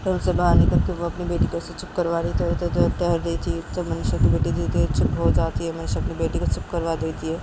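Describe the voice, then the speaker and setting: A woman's voice: on the low side, monotone, fast talker, hardly any pauses. Woman storyteller, noisy recording. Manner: rambling, repetitive narration. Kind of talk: casual storytelling narration.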